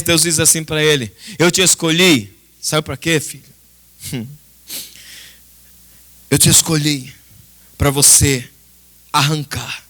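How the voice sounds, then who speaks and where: A Brazilian pastor preaches an impassioned sermon during a church service, his voice a little high, pushed and bright. He is emphatic and dramatic, repeating himself rhetorically and speaking directly to the congregation.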